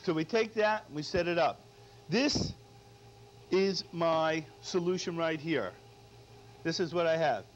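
This middle-aged chef's voice is on the high side, and he talks at a measured pace, pausing often, during an unscripted studio-kitchen cooking demonstration. He keeps asking "all right?", and his lapel-mic recording sounds dull and lo-fi with background noise.

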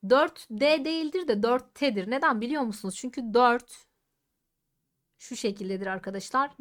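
Emphatic woman teacher, higher voice. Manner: emphatic, repeats words slowly to show sounds; addresses students directly with questions. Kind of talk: exam-prep grammar lesson.

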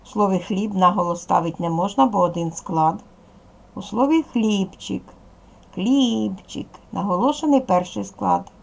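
A middle-aged woman teaches young children in a recorded video lesson, speaking in patient, clear steps. Her voice carries a gravelly fry, and her pitch sits at an ordinary middle height. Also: normal speed. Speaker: primary school teacher.

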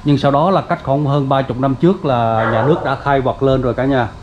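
A man's voice: medium pitch, fairly even intonation, brisk, noisy background. A man vlogging as he walks around a family grave site, talking casually with lots of fillers and speaking to his viewers directly. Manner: chatty, many fillers, addresses viewers as everyone. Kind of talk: casual walking tour narration. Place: outdoors at a cemetery gate. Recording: dull lo-fi outdoor recording.

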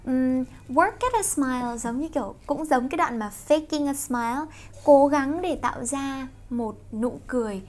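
A young Vietnamese woman teaching English through songs, explaining quickly and slowing down to sing lines. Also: sits high, a little mellow. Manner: quick explanations broken by slow sung lines. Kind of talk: song-based English pronunciation lesson.

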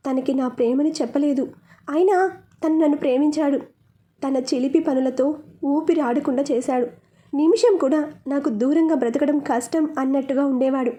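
A woman's voice: sits high, warm tone. A woman narrating a romantic story in the first person, reading it with emotion.

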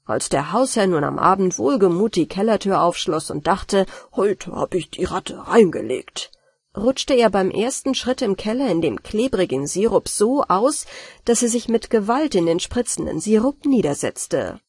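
Brief: female audiobook reader, bedtime story, animated intonation, dry close sound. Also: medium pitch, slightly rough, dry recording. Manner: slow, expressive storytelling.

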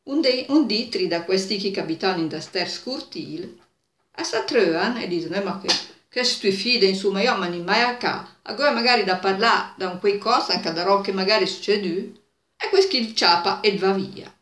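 A woman's voice: medium pitch, normal speed. An older woman telling a folk story expressively in Milanese Italian dialect. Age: 60s or older. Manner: expressive, acts out characters' exclamations. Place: small bare indoor room. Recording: roomy, echoey indoor sound.

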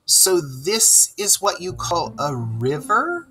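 A man's voice: on the high side, big pitch swings, slow pace, pushed and bright, slightly rough, voice pushed up, full character voice, low-quality recording. A man voicing a timid, wide-eyed young male mole who asks eager, wondering questions in a storybook reading.

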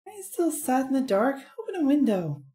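A woman's voice: high-pitched, sing-song, a little fast, warm tone, voice pushed up. A woman voicing a sly chameleon from a video game, bluffing with feigned innocence as a pirate's mate. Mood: sly coaxing. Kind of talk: reading video game dialogue in character.

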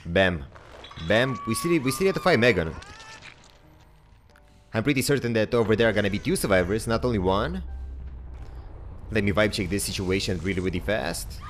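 A young man casually commentating his own gameplay, chatty and excitable, swearing now and then and talking to his viewers. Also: on the low side, normal speed, pauses often, faint music behind. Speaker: game streamer.

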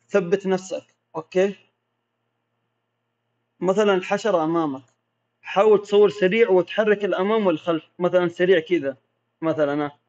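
A man with a Gulf Arabic accent, a macro photographer who answers viewer questions in a relaxed, explanatory way during a casual live Q&A. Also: high voice. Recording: dull lo-fi audio.

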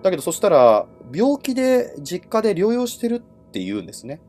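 A man telling ghost stories as a livestream host in casual, conversational speech, with dramatic pauses and phrase endings that trail off. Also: high voice, wildly swooping pitch, a little mellow, soft background music. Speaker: horror storyteller and host.

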